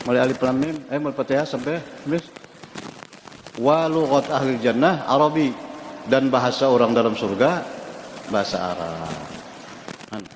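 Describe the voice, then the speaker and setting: A man's voice: mid-range voice, moderate pace, pauses often. A Banjar-accented man teaching a mosque study circle, talking in a loose conversational way, quizzing his listeners and chuckling now and then. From South Kalimantan, Indonesia. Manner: conversational, asks the audience questions and chuckles. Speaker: religious teacher. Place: mosque hall. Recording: echoey hall recording with faint background noise.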